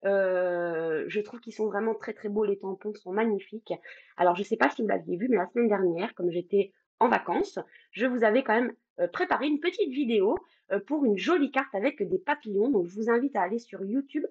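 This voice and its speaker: A woman's voice: mid-range voice, fairly quick, a little mellow, slightly rough, lo-fi sound. A French woman hosting a live craft stream, chatting casually, greeting viewers by name with many fillers. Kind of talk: casual live demo chat.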